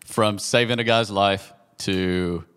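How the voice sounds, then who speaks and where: A man with a very low, smooth and resonant voice hosts a casual interview. He asks relaxed questions and adds encouraging affirmations. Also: takes it slowly. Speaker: podcast host.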